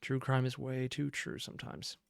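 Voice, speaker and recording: A creaky, mid-range male voice with a completely flat delivery plays over background music. He hosts a reaction video and comments reflectively on a fan dub, sounding earnest and analytical while emphasizing points deliberately.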